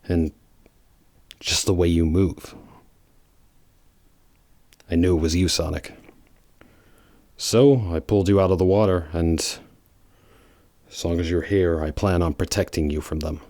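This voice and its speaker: Man as low, brooding Shadow the Hedgehog. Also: fairly even intonation, mellow, dry recording. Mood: grave, protective. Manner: halting, grave, guarded. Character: brooding, bitter, loyal male hedgehog antihero. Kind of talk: audio drama voice acting.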